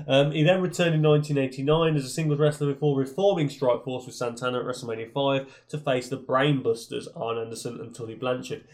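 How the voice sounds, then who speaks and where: A man's voice: medium pitch, steady tone, quick pace, few pauses, darkish tone. A British man co-hosting a podcast, reading a wrestler's career from notes with many ums and restarts. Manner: reads out a bio with many ums. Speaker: podcast co-host. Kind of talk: casual chat.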